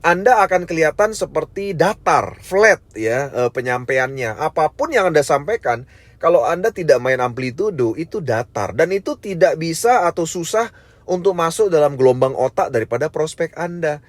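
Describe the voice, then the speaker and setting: In an online training lecture, a male network marketing coach purposely varies his pitch and pace while speaking expressively at a moderate speed overall. He calls his audience "sahabat sekalian" and tags many sentences with "ya", on a dry recording.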